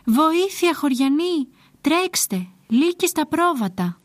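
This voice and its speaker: A woman voicing a bored, mischievous young male shepherd who shouts excitedly. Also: fairly high pitch, no room sound, natural voice. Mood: fake alarm.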